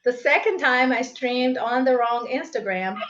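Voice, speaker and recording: A Brazilian English teacher whose first language is Portuguese hosts a live-streamed exam lesson and chats directly with viewers. Her voice sits high with a fairly bright tone and an unhurried pace, and the stream audio is slightly dull.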